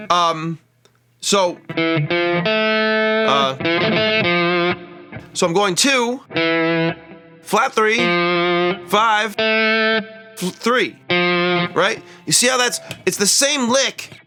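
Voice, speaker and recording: A man with a high, animated, sharp voice draws out his words and leaves long pauses during a casual lap steel guitar lesson. Chatty as he plays, he explains each lick and counts out its scale degrees, with lap steel playing behind him.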